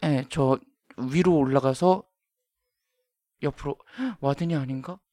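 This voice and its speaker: A man chatting casually as a panel guest, in an unhurried, halting and dryly humorous way. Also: medium pitch, dark tone, no room sound, clean studio sound. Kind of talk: casual chat.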